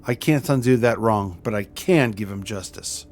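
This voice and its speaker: A man voicing a wronged exiled queen in a video game, stern and resolute, speaking formally and gravely. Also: on the low side, moderate pace, slight background noise, lightly acted.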